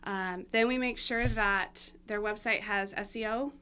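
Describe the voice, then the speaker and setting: A woman's voice: medium pitch, steady tone, measured pace, sharp tone, clean tone. A woman guest on a podcast talking casually about marketing, chatty with many fillers and frequent laughs. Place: room, eating during recording. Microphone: podcast mic.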